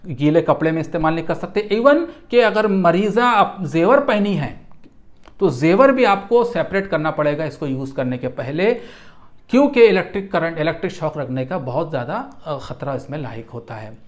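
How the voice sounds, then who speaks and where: Speaking at normal speed with a medium-pitched, expressive voice, the instructor teaches physiotherapy and Unani regimenal therapy. The lecture is explanatory and didactic, with terms restated and phrases repeated.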